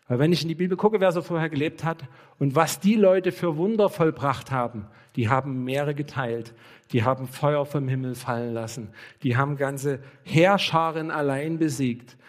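A man's voice: fairly high pitch, normal speed. A man preaching a sermon as pastor, telling a story vividly and speaking directly and earnestly to his listeners. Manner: lively storytelling, acting out dialogue.

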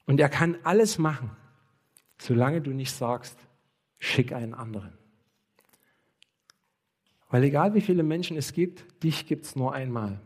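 A man's voice: a little high, normal speed. A man preaching a sermon as pastor, telling a story vividly and speaking directly and earnestly to his listeners. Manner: lively storytelling, acting out dialogue.

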